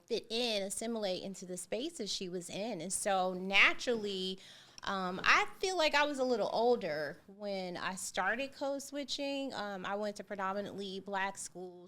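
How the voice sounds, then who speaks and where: A woman hosting a casual talk show, telling stories in an animated, emphatic way. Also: medium pitch. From not from the West Coast. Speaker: podcast host. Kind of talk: casual chat.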